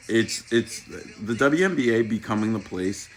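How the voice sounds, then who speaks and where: A man's voice: lowish voice, animated, slow pace, fairly bright tone, faint music behind. A man narrating commentary in a wry, amused tone.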